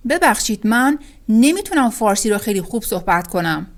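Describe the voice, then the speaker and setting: A woman teaching English phrases with translations, saying each phrase and then repeating it slowly and carefully. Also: a little high, big pitch swings. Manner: clear, careful pronunciation, drawing out words on repetition. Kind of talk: language lesson, reading phrases then repeating them slowly.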